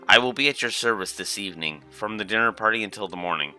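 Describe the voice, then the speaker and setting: A man's voice: on the low side, fast talker, bright, forceful tone. A man voicing a dutiful, deferential maid in a video game, speaking formally. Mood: courteous. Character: polite, dutiful young castle maid.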